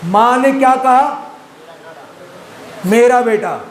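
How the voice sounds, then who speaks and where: A man from Pakistan giving a Muharram majlis sermon, often putting rhetorical questions to his listeners. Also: very high voice. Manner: rhetorical, asks the audience questions. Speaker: Shia majlis speaker. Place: large imambargah hall. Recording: echoey hall recording, faint room ambience.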